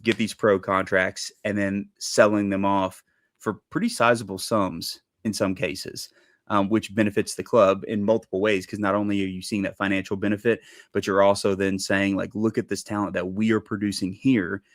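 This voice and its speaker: A man's voice: on the low side, flat delivery, normal speed, dry recording, clean studio sound. A man co-hosting a sports podcast, chatting casually and rambling with lots of fillers. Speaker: podcast co-host. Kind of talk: casual chat.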